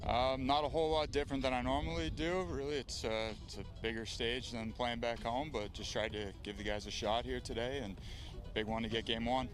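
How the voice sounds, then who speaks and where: A man's voice: medium pitch, steady tone, brisk, soft background music. Young man, athlete, mid-range voice, casual post-game answers, outdoors. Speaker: athlete, starting pitcher. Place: outdoors at a baseball field.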